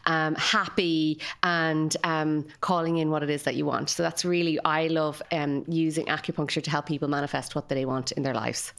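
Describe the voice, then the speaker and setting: A woman with a west of Ireland accent telling stories casually and informally in an animated, conversational way. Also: low voice, moderate pace, gravelly, hardly any pauses. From Galway, west of Ireland. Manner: animated, informal, quotes dialogue. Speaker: podcast guest, feng shui expert.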